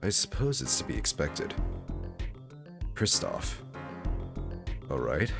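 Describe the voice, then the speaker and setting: Guy doing a smooth suave boss lawyer, deep calm voice, kinda teasing, game music behind. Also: slow, exaggerated voice. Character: smooth suave older male mentor attorney. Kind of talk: reading game dialogue aloud.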